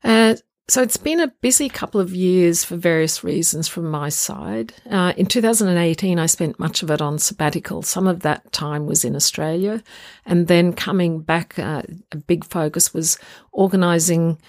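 A woman hosting a solo podcast in an informal, reflective and earnest way, her voice croaky from getting over the flu. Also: lowish voice, moderate pace, darkish tone, dry recording, studio quality. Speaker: podcast host.

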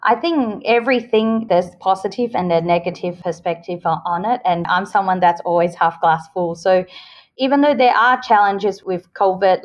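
With a fairly low voice and lo-fi sound, a woman in her forties originally from Hong Kong and raised in Australia chats as a podcast guest. She answers the casual interview in an upbeat, earnest way, leaning on everyday, homely examples.

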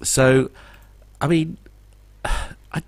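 A man's voice: on the high side, fairly even intonation, extremely slow, vocal fry, dry recording, soft background music. A British man co-hosting a podcast, reading out and commenting on news in a wry, hesitant, digressive way. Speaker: podcast host.

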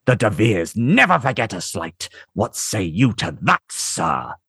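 A man's voice: lowish voice, very animated, a little slow, vocal fry, fairly bright tone, husky, no room sound, studio quality, heavily acted. A man reading a story aloud, voicing a furious, proud male noble commander who barks outraged threats.

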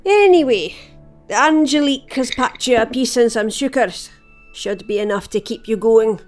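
A woman's voice: on the high side, moderate pace, faint music behind, natural voice. A woman acting a wry, broad Scottish village woman. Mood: matter-of-fact, kindly. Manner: dry, teasing, matter-of-fact. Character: wry, teasing, motherly middle-aged Scottish village woman. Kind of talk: audio drama dialogue.

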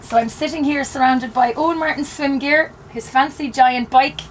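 A woman hosts a casual podcast interview from the back of a van in a car park. Her voice is fairly high and conversational. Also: normal speed, slight background noise, poor audio. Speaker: podcast host.

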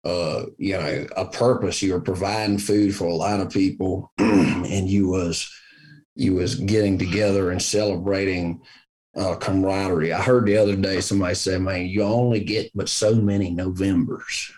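Southern US male, earnest conversational storyteller, slightly deep, folksy delivery. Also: steady tone, normal speed, a little mellow, poor audio. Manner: folksy, earnest, repeats himself for emphasis. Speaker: hunter in conversation.

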